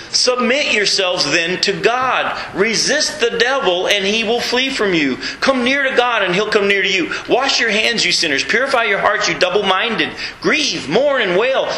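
Middle-aged pastor guy preaching, high bright voice, echoey church room. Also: slight background noise. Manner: animated preaching, reads scripture aloud. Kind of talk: sermon. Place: church sanctuary with congregation.

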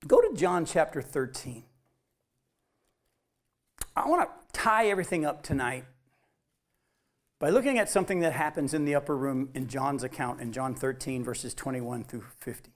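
A man's voice: medium pitch, lively intonation, moderate pace, pauses often. A man pastor preaching a sermon with animation, acting out quoted voices as he reads scripture.

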